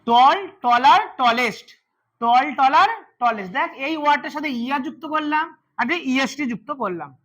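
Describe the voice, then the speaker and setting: A man's voice: very high voice, lively intonation, normal speed, a bit bright, highs cut off. A man teaching English grammar to a class, repeating words and quizzing his students as he goes. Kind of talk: classroom lesson.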